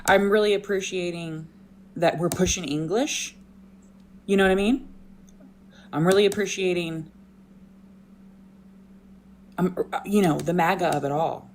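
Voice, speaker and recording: Woman caller with a lowish voice. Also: measured pace, pauses often, darkish tone, a little hiss or hum. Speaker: caller to a livestream. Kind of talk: casual chat.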